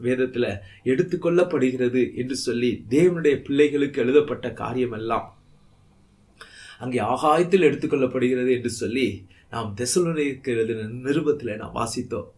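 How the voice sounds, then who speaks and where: A man's voice: medium pitch, brisk, a little mellow. A man preaching a Bible study sermon in Tamil, reading verses aloud and stressing points with rising emphasis. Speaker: pastor.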